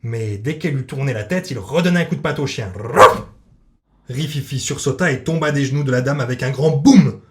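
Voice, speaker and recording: A man narrating a children's audiobook in a lively, expressive way. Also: mid-range voice, fast talker, hardly any pauses, a little hiss or hum.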